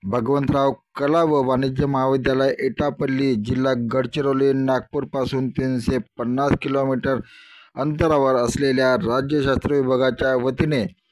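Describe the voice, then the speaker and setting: A man's voice: mid-range voice, normal speed. Man reading a local news report. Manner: steady, formal read-out of names and dates. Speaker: news anchor. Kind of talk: scripted news narration.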